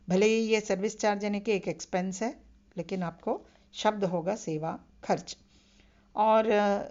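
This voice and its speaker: A woman's voice: mid-range voice, a little mellow. Patient woman lecturer, dull lo-fi audio. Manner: patient, repeats key terms with reminders to remember. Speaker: Hindi lecturer. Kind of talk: recorded online lecture.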